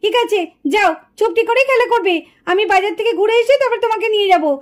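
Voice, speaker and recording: A woman's voice: extremely high pitch, fast. A woman voicing a busy young neighbor mother in a puppet show, chatty and in a hurry.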